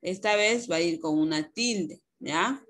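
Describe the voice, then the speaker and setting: A woman's voice: on the low side, a little slow, a bit bright. Woman schoolteacher on a video call, patient, explains step by step, poses questions to the class and answers them herself. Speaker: primary school teacher. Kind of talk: online class lesson.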